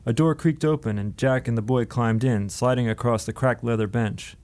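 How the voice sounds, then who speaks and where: A man, the author, reading his novel aloud on a radio program in a steady storytelling manner. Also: mid-range voice, moderate pace. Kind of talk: audiobook narration.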